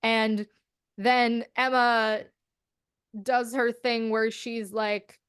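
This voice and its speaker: A young adult woman co-hosting a podcast, telling a story in casual chat and acting out the quotes with lively swearing. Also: fairly high pitch, very slow, clear, resonant tone, no echo, studio quality. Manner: animated, acts out quotes, swears freely. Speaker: podcast co-host.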